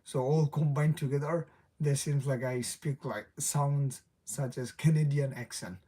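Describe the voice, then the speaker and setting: A man's voice: medium pitch, fairly even intonation, measured pace, mellow, breathy edge. Rambling young man with mixed accent. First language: non-native English. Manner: rambling, self-correcting, chuckles often. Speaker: livestream host. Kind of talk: casual late-night livestream chat.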